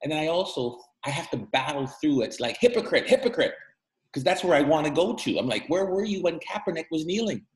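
A man's voice: on the high side, big pitch swings, fairly quick. A middle-aged man from Guyana, a guest speaking candidly and emphatically over a video call, his voice climbing sharply when he gets angry. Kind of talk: candid interview conversation. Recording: echoey room over a call.

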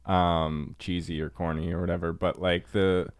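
A man's voice: low voice, little pitch movement, normal speed, clean tone, dry recording, studio quality. A man co-hosting a casual film podcast, laid-back and rambling, with lots of ums and likes. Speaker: podcast co-host.

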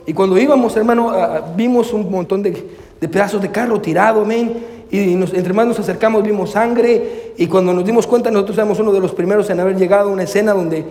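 High mellow guy preaching, keeps saying amen and hermano, tells stories, echoey hall. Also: fast. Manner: fills every phrase with amén and hermano; slips into English phrases. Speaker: pastor. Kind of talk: sermon. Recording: long hall reverb.

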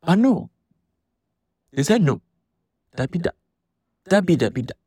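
A man talks in a casual, indignant monologue, his voice slightly husky and his delivery animated. He restarts his sentences often as he works through his point. The recording is dry and close, with no room sound. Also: fairly high pitch, measured pace, dry recording. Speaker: church member commenting on a dispute.

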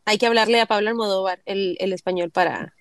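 A woman, co-hosting a casual audio show, chatty and quick to laugh. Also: mid-range voice, steady tone, dry recording, clean studio sound. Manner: laughs often, playful and chatty. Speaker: co-host. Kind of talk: casual chat.

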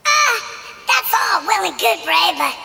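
A woman's voice: very high-pitched, very animated, a little slow, gravelly, pushed and bright, raised voice, full character voice. A woman voicing a small puppet creature on a children's show, exaggerated and cartoonish, in a reverberant clip with music. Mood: whiny pleading.

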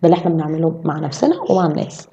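Fast-talking Egyptian woman, low dark voice. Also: highs cut off, slight background noise. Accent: Egyptian Arabic. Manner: animated, explaining with quick examples. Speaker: podcast guest. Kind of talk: casual chat.

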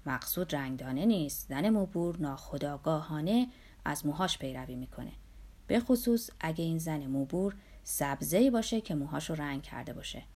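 In an audiobook, a woman with a low, dark-toned voice reads the lines of a cynical middle-aged male doctor. She delivers them in a dry, lecturing way, full of sweeping claims.

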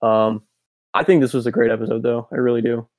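A worn-out young man co-hosting a podcast late at night over a voice call. He talks in a low-key way, filling pauses with ums. His pitch is middling, and the audio is close and dry with no echo. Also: steady tone, darkish tone. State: tired. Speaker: podcast co-host. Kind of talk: casual chat. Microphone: Discord voice call.

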